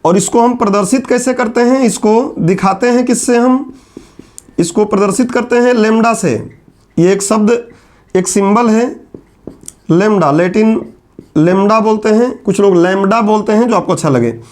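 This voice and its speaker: A man's voice: sits high, normal speed, darkish tone. A male teacher giving a classroom lecture, explaining step by step and answering his own questions as he writes on a board.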